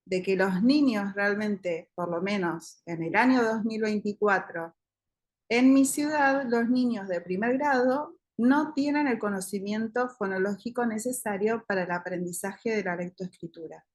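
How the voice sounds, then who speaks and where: A woman, a speech therapist giving a teacher training lecture. She explains step by step, checks in with her listeners and stretches sample words out slowly to demonstrate. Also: mid-range voice. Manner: explanatory, checks in with listeners with a quick question tag.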